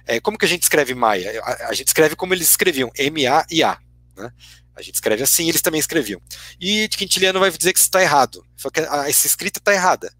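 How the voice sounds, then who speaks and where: A man's voice: on the high side, expressive, quick pace, bright, forceful tone, no room sound. A man with a Brazilian Portuguese accent, a guest lecturer giving a teacherly explanation, tagging his sentences with constant "né" questions. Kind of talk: explanatory academic talk.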